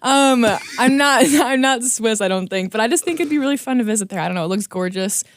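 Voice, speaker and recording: A woman's voice: a little high, lively intonation, fairly quick, slight background noise. A young woman chatting as a podcast guest, giggly and talkative, often trailing off mid-sentence. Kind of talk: casual chat.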